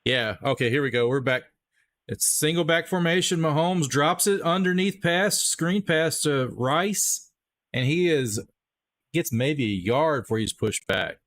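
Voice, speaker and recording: A man with a Texas accent and a slightly high, expressive, fairly bright voice provides live play-by-play for a stream, speaking a little slowly. Chatty and upbeat, he talks directly to his viewers and gives shout-outs to the chat.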